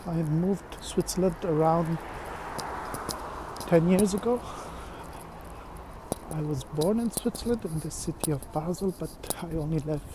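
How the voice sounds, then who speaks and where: Host for a city-walk livestream, slow and halting, talking outdoors over loud street noise. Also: mid-range voice. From Greece. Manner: unhurried, hesitant, pausing with fillers while walking. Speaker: vlogger giving a walking tour. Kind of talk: live-streamed city walk narration.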